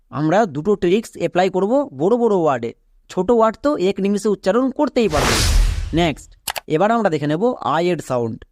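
A man's voice: sits high, darkish tone, no room sound, studio quality. A man teaching English spelling and pronunciation in a video lesson, explaining step by step and answering his own questions.

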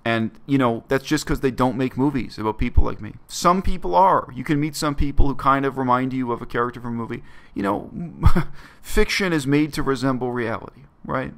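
A man's voice: mid-range voice, lively intonation, fairly quick, gravelly, few pauses. A man, talking earnestly and bluntly to his webcam in a small bedroom. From Canada. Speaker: vlogger. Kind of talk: reflective personal monologue to camera.

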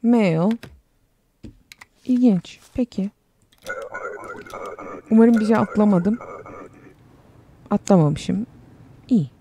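A woman's voice: mid-range voice, slow pace, long pauses, dark tone, slight background noise. A young woman casually commenting on a game while she plays, chatty and sarcastic, reading the game text aloud as she goes. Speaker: game streamer.

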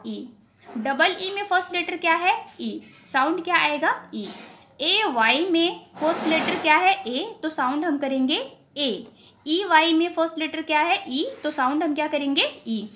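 A woman teacher with an Indian accent explaining a phonics lesson, asking questions and repeating the sounds slowly. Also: high voice, fairly bright tone.

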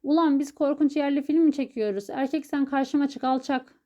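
A woman's voice: high-pitched, fairly even intonation, brisk, mellow, lo-fi sound, close to an everyday voice. A woman voicing a flustered, indignant male tenant in an audiobook, blustering as he speaks.

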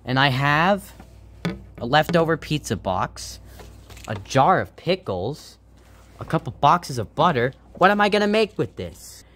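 A man voicing a goofy, excitable, suspicious suburban dad in an amateur sock puppet comedy. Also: fairly high pitch, unhurried, heavily acted. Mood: flustered.

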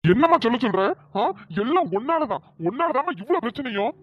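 A voice actor voicing a stern middle-aged cartoon father who reproaches his family, with a pitch-shifted voice. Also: lively intonation, brisk, dry recording. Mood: blaming. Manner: reproachful, lecturing. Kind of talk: cartoon storytelling dialogue. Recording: dry, dull lo-fi sound.

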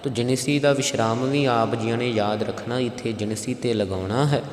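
A man with a Punjabi accent teaching correct scripture recitation, alternating slow chanting with plain spoken explanation. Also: mid-range voice, fairly even intonation. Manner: chants scripture lines slowly, then explains pronunciation plainly. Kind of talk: religious recitation lesson. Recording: echoey, reverberant room.

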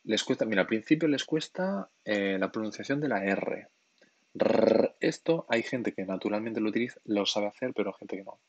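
Husky-voiced man teaching on a livestream. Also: on the low side, expressive, a little fast, few pauses, no echo. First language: Spanish and Catalan. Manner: patient, explanatory, keeps checking in with "¿sí?". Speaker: Korean language teacher on a livestream. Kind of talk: live-stream lesson, reading chat questions.

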